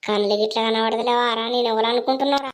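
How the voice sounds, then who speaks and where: A woman's voice: a little high, steady tone, fast. A woman acting in a comedy sketch with a brash, scolding delivery.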